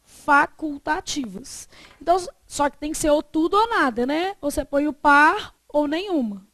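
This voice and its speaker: A woman teaching a Portuguese grammar lesson, lively, asking the class questions and answering them herself. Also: sits high, normal speed, dry recording.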